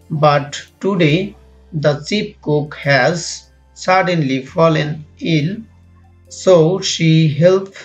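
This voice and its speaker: A man with a Bangladeshi accent teaching a school English lesson. He reads the English lines slowly and then translates them quickly into Bangla. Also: a little high. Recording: muffled lo-fi audio with faint music.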